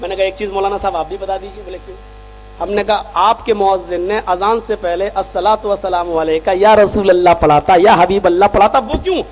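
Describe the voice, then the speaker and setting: High-voiced man preaching over faint hum. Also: brisk. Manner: impassioned, acts out dialogues, rises to shouting. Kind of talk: sermon with storytelling.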